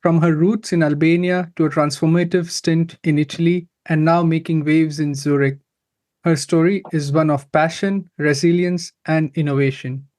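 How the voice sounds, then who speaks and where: A man hosts an interview show in an upbeat, polished presenter's voice. His pitch sits a little high for a man. He reads a scripted introduction, then moves into friendly questions. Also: fairly even intonation, normal speed, a little mellow. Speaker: podcast host.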